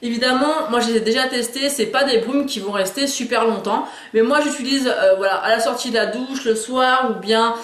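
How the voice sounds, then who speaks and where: Woman, chatty and hesitant, bright higher voice, echoey room. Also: brisk, hardly any pauses. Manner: chatty, enthusiastic, frequent hesitations. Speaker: beauty and lifestyle YouTuber. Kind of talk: casual haul video chat.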